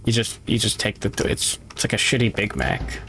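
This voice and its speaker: A man giving casual, rambling livestream commentary while gaming, halting and repeating himself, with some swearing. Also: fairly low pitch, big pitch swings, creaky, bright, forceful tone, slight background noise. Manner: halting, repetitive, profane. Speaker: video game streamer.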